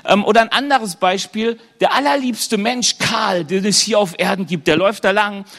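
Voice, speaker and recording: A man with a notably high voice preaches to a congregation. He keeps the tone conversational, often checks in with his listeners through questions, and adds light humorous asides. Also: normal speed, fairly bright tone. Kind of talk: sermon to a live congregation.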